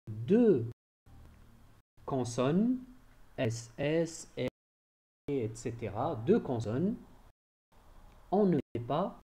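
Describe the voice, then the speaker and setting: A man teaching a recorded spelling lesson, dictating slowly and repeating words to stress them. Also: a little high, mellow. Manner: slow dictation, stresses and repeats each word.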